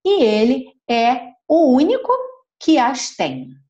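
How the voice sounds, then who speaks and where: Lively woman teaching English. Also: high-pitched, muffled recording. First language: Portuguese. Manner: slow careful model readings, quick asides in Portuguese. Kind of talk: bilingual English lesson.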